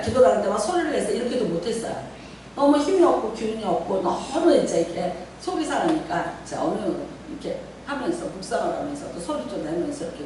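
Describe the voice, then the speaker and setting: A middle-aged woman pastor preaching a sermon in a chatty, animated way, often laughing as she talks. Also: medium pitch, a little hiss or hum. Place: church sanctuary. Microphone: distant from the mic. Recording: very echoey church hall from far off.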